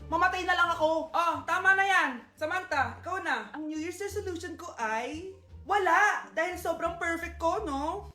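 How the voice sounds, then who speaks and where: Woman comedy skit performer, very high voice, echoey room, faint music underneath. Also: moderate pace, long pauses, bright, forceful tone.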